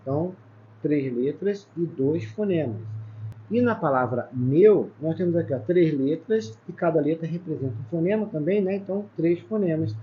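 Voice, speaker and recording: Brazilian teacher counting letters aloud. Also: male voice, on the high side, expressive, normal speed. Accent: Brazilian Portuguese. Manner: explains step by step, counting aloud, with frequent "tá?" and "ó" checks. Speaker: Portuguese teacher. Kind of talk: exam-prep lesson at a whiteboard. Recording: slightly dull sound with faint background noise.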